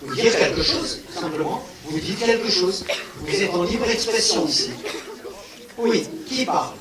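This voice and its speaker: Man, public talk in an echoey hall with audience murmur, animated and emphatic, fairly high voice, heard from a distance. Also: unhurried, crowd noise. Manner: animated, rhetorical questions to the audience, emphatic repetition. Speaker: speaker answering audience questions. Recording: echoey hall, speaker away from the mic.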